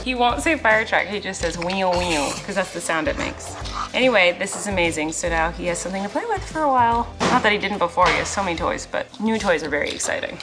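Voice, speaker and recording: A woman's voice: on the low side, lively intonation, quick pace. A woman vlogger chatting in an informal, confiding and slightly rambling way. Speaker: vlogger and mother of a toddler. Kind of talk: casual confiding vlog chat. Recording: background music under the voice. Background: music.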